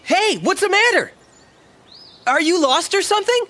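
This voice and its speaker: A man's voice: extremely high pitch, sing-song, normal speed, heavy background noise. An actor voicing a cocky young male hedgehog hero in a video game, flippant and impatient, full of casual slang. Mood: confident. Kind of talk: video game cutscene acting.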